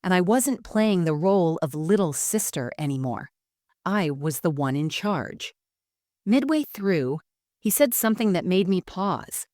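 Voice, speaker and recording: A woman tells a first-person story with calm, measured composure. Her voice sits on the low side and sounds dry and close, with no room around it. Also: no echo.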